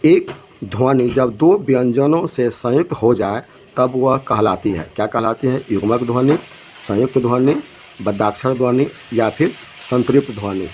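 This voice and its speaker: A man's voice: medium pitch, moderate pace, a little mellow, a little hiss or hum, rough recording. A man teaching an exam lesson, reading out each multiple-choice question and its options, then giving the correct answer.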